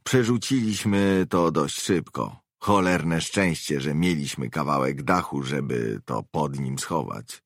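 A sardonic veteran mercenary , as a male narrator plays him, with dry mockery in every line. The voice is gravelly and deep, unhurried, with a close dry studio sound. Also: lively intonation, no echo, exaggerated voice. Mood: offhand. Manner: dry, mocking questions.

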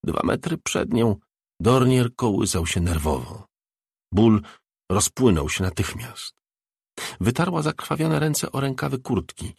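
A man narrating an audiobook in an expressive, dramatic reading. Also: medium pitch, measured pace, creaky, husky, no room sound, studio quality.

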